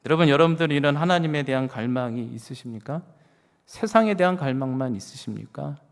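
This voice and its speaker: A middle-aged man preaching a sermon as pastor, telling stories with swings from hushed words to loud exclamations. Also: medium pitch, expressive, a little fast. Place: church sanctuary. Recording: reverberant church hall.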